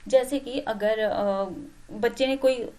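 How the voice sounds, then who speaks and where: A woman lecturing teacher trainees, explaining step by step with frequent "ठीक" check-ins and filler pauses. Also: a little high, steady tone, dark tone. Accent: Hindi. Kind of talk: classroom lecture.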